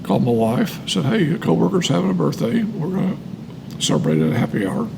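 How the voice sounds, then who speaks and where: A man's voice: a little high, wildly swooping pitch, brisk, gravelly, background noise. An American man reading aloud and sharing personal testimony, emphatic and repeating phrases for weight. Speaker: co-host reading and commenting on a recovery book.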